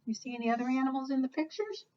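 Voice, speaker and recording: Her high voice animated, warm and rapid-fire, a woman reads a story aloud to preschoolers and puts questions to them. It's an expressive read-aloud for young children, captured with dull, lo-fi sound.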